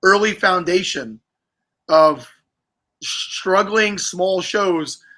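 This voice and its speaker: Chatty man with a bright, forceful voice. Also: sits high, drawn-out words. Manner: chatty, rambling, jokey. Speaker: podcast host. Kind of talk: casual livestream chat.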